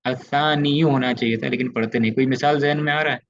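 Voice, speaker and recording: A man's voice: medium pitch, fairly even intonation, racing, vocal fry, lo-fi sound, slight background noise. A man from India teaching an Arabic grammar lesson, explaining patiently and often checking that his students follow. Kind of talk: online class lecture.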